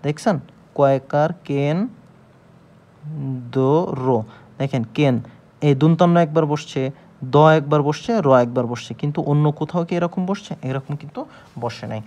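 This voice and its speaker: Guy teacher doing a grammar class, slow, lots of uh pauses, kinda high voice. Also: a little mellow. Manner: slow, explanatory, with many pauses and fillers. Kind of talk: grammar lesson.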